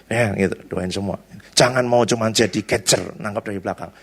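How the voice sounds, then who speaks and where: A man's voice: lowish voice, fairly even intonation, a little fast, vocal fry, slightly rough. A male pastor giving a conversational sermon, telling stories in a chatty way with frequent tag questions.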